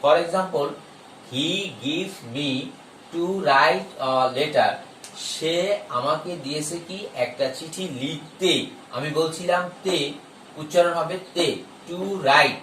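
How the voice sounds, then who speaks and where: Male grammar teacher, slightly high voice, emphatic and slow on examples; echoey room, set back from the mic. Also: fairly bright tone, distant mic, a little hiss or hum. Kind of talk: explaining a grammar lesson.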